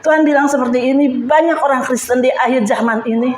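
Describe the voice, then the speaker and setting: A woman's voice: high voice, fast, echoey room, a little hiss or hum. A woman giving an emotional church testimony, speaking fervently and addressing the congregation directly.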